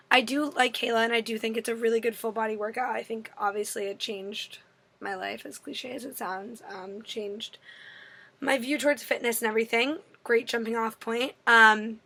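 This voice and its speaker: A woman in her twenties with a hoarse, worn-out voice, chatting casually and apologetically in a rambling Q&A vlog. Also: fairly high pitch, pushed and bright. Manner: apologetic, rambling, self-deprecating. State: voice strained and partly gone. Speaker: fitness vlogger. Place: indoors in an apartment.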